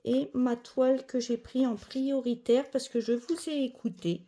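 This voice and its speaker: A woman's voice: high-pitched, steady tone, a little slow, mellow. A woman chatting casually as a cross-stitch vlogger, rambling with many fillers and self-corrections. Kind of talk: casual chat.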